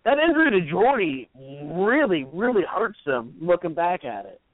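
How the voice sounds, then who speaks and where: A man's voice: high-pitched, very animated, normal speed, dry recording. A man co-hosting a sports talk show, easygoing and analytical with plenty of uhs and ums. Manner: easygoing, analytical, uses fillers like uh and um. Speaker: co-host. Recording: tinny phone-like line, dry.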